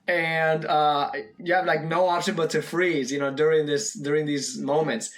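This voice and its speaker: Man, young, higher pitch, casual reaction talk, rambling with fillers. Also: flat delivery, moderate pace. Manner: rambling, lots of fillers and restarts. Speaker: video reactor.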